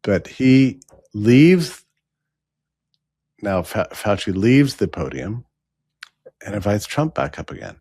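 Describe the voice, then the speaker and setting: A man's voice: fairly low pitch, very animated, slow, long pauses, warm tone, slightly rough, dry recording, studio quality. A man hosting a show, retelling a past event in a musing, questioning way, wondering aloud. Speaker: show host.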